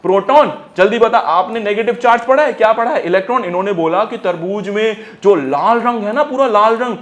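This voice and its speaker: High-voiced, playful male science teacher. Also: brisk, fairly bright tone. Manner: playful, slangy, keeps quizzing the students and calls them brother. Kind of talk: energetic classroom lesson.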